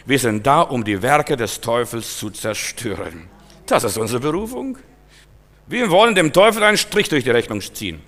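A man preaching an emphatic sermon, swinging from loud exhortation to quiet, searching questions. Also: medium pitch, very animated, normal speed. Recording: long hall reverb.

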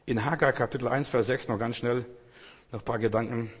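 Male preacher, earnest and fervent, husky tone, long hall echo. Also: mid-range voice, steady tone, fairly quick. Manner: earnest, rises to loud fervent prayer. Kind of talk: sermon.

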